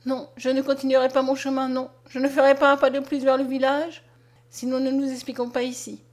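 A woman's voice: sits high, completely flat delivery, fairly quick, a little mellow, natural voice. A woman reading the part of a devoted nineteen-year-old peasant girl in an audiobook, pleading and tearful. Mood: anguished. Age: young adult.

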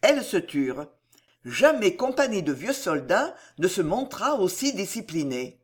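An audiobook narrator who reads with drama and vivid colour, the pitch rising and falling widely from phrase to phrase. The voice sits at a medium pitch and carries the action of the scene. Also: very animated, a little slow, breathy edge. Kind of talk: scripted narration of a historical adventure novel.

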